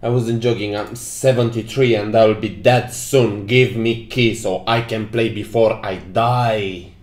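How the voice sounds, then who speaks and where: A game developer in his 20s, whose first language isn't English, hosts a casual livestream, giggling often and laughing as he reads the chat aloud. His voice is lowish, steady and unhurried, with a roomy echo in the recording.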